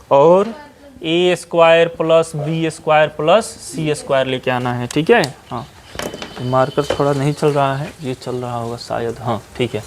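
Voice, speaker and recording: A man's voice: a little high, a little hiss or hum. Bihari-accented man lecturing a class. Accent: Bihari Hindi. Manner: scolding, advising, with frequent "है ना?" tag questions. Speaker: mathematics teacher. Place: classroom with whiteboard.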